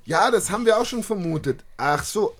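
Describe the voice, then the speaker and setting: A man's voice: sits high, expressive, a little fast, noisy background. A man playing a friendly, fussy porter who hosts children in a radio play, with an exclamatory, welcoming manner. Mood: amused. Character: friendly, fussy male porter at an opera house. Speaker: host.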